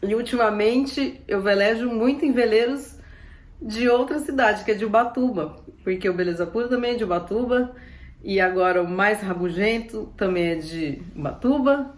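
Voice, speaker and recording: Coughing and losing her voice, a woman from Ilhabela, Brazil, talks casually to camera about sailing at a moderate pace and medium pitch. She's a sailing vlogger with a chatty, upbeat manner, full of laughs and asides.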